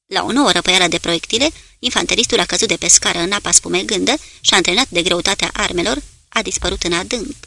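Woman reading a war audiobook, bright voice, kinda gravelly, steady dramatic pace. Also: fairly low pitch. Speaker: audiobook narrator. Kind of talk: scripted audiobook narration.

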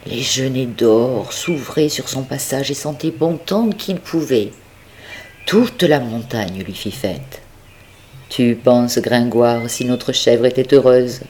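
A woman narrating a classic tale as an audiobook reader, expressive and talking straight to the listener. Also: a bass voice, slow, husky. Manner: expressive, addresses the listener directly. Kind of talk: storytelling narration.

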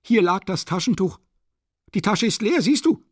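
Shrill, frantic woman in fury, put on by a male audiobook reader; high, swooping delivery. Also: expressive, moderate pace, dry recording, clean studio sound, close to an everyday voice. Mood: frantic shrieking. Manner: shrieking, scolding.

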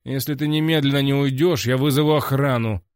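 A man's voice: mid-range voice, lively intonation, moderate pace, no room sound, clean studio sound, lightly acted. A man voicing a pompous, gloomy male academy director who speaks coldly. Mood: angry. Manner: stern and cold, then yelling.

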